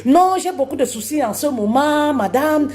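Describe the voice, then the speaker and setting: A woman voicing an ashamed middle-aged husband who confesses his troubles hesitantly, in a lowered voice. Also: lively intonation, moderate pace, darkish tone.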